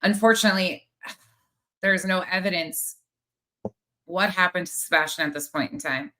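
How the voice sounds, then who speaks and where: A woman with a lowish, bright voice speaks at a moderate pace in a forceful tone. As host of a true crime commentary show, she reacts live to played clips with exasperated, critical remarks and some swearing.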